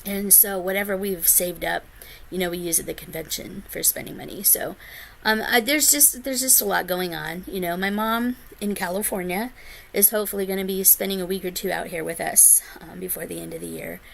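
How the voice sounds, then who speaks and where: A woman in her forties talks casually to her vlog audience in a low, heavily gravelly voice, meandering with frequent ums and a tired air. A faint hiss of noise sits under the recording. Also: fairly quick. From United States. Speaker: flosstube vlogger. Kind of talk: casual chat to camera.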